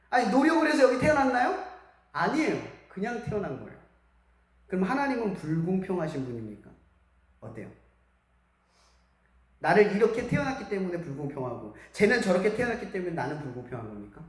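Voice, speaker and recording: A man preaches to a hall of students as a youth pastor. His pitch rises and falls a great deal, and he keeps putting questions to the listeners. The sound rings with heavy echo from a large church room. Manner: lively, asks the audience many questions and acts out quotes. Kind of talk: sermon to students.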